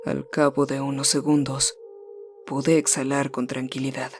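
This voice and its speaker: A storyteller with a voice of middle pitch, narrating a first-person horror tale in a hushed, measured way that slows and sinks at the tense moments. Faint music runs underneath. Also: little pitch movement.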